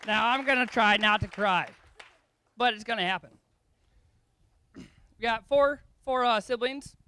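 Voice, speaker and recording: A man's voice: extremely high pitch, measured pace, bright, forceful tone, smooth, a faint crowd. A young man giving an emotional, rambling wedding toast to his brother, tearful and laughing between lines.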